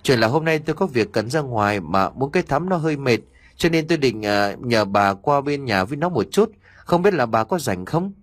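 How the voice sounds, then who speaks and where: A man's voice: mid-range voice, animated, normal speed, no echo, natural voice. A man voicing a frantic, tender older mother-in-law who pleads anxiously. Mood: polite explaining.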